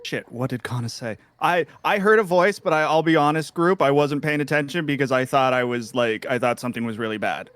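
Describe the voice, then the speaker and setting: A man playing a tabletop game, asking jumpy, excitable questions. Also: medium pitch, fairly quick, hardly any pauses, dry recording. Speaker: player. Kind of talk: casual tabletop play.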